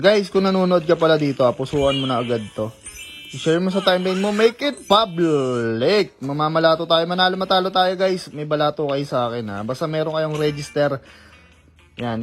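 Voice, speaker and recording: An online casino streamer giving casual commentary on a slot game, counting spins aloud and bursting into excited exclamations. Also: medium pitch.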